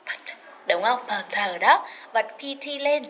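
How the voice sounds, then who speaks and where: Bright-voiced woman teacher drilling pronunciation. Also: medium pitch, lively intonation, slight background noise. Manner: drills pronunciation by repeating words slowly; chatty and encouraging, mixes in English. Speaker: English teacher. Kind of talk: recorded classroom lesson.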